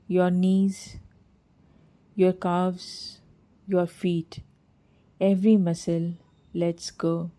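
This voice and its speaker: A woman guides a meditation in a soft, mellow, lowish voice, reading scripted lines very slowly and soothingly with gentle, measured phrasing.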